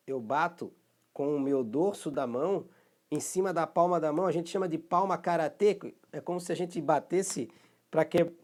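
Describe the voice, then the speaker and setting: Patient Brazilian music teacher, fairly high voice. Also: male voice. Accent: Brazilian Portuguese. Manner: patient, explanatory, with frequent checking tags. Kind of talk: recorded rhythm lesson.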